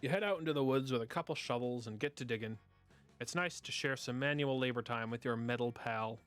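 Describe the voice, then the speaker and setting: Bright-voiced man wryly narrating a game. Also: medium pitch, fairly quick, no echo, faint music behind. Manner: playful, wry narration. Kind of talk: reading game text aloud.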